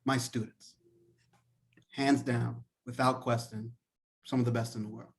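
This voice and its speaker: A man's voice: medium pitch, flat delivery, measured pace, gravelly. Man answering a class's questions live. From Trinidad and Tobago. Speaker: professor and lawyer. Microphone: video call.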